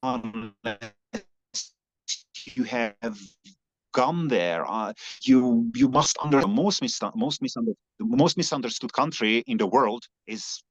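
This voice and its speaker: In an earnest conversational interview, a native Hungarian-speaking man who rides long distances by bike keeps restarting sentences and using fillers. He has a mid-range voice and speaks slowly and expressively. No room sound is audible, but the lo-fi audio is slightly dull.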